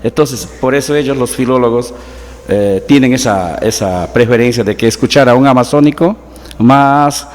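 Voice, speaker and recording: A man's voice: mid-range voice, normal speed, darkish tone, in a large hall, a little hiss or hum. A man from the Peruvian Amazon with a Peruvian Amazonian Spanish accent, a researcher being interviewed, explaining patiently with examples. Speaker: guest, researcher.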